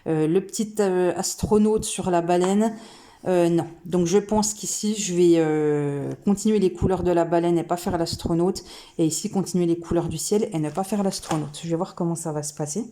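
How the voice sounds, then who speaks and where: Unboxing cross-stitch kits for her craft video, a woman talks to the camera in an easy, excited way, pausing often as she thinks out loud. She speaks at a moderate pace in a warm, lowish voice.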